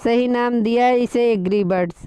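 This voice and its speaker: A woman voicing a young male boss who calmly insists on an apology, slipping English phrases into his talk. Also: fairly high pitch, moderate pace, smooth, no echo, close to an everyday voice. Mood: amused.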